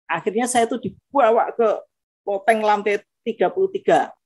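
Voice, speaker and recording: A woman's voice: mid-range voice, moderate pace. Chatty woman with a Javanese accent. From Central Java, Indonesia. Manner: animated, acts out dialogue; chatty, frequent fillers. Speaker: giving a religious testimony. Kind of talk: personal testimony storytelling.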